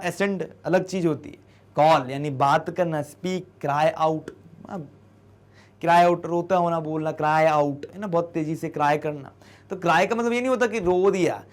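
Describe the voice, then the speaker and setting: A man teaching an English lesson in Hindi, reading the English lines out slowly with an Indian accent and asking and answering his own questions. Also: on the high side. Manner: mixes Hindi explanation with slow read-out English. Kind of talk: classroom lesson explaining an exercise.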